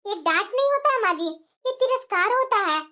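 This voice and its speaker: A woman's voice: very high-pitched, lively intonation, a little fast, sharp tone, exaggerated voice. A woman voicing a young daughter-in-law in a cartoon, pleading earnestly and standing her ground. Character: young daughter-in-law, hurt but firm. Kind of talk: cartoon voice acting.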